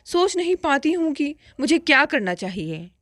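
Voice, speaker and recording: A woman's voice: high-pitched, big pitch swings, normal speed, a bit bright, no echo, clean studio sound, voice pushed up. A woman voicing a loving, teasing middle-aged sister-in-law who scolds with affection in a storybook tale. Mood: fretful, fond.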